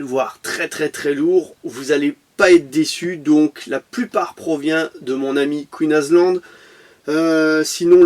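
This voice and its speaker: A man hosting a casual unboxing vlog of his toy car purchases, chatty and full of fillers and restarts. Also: fairly high pitch. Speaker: toy car collector vlogger.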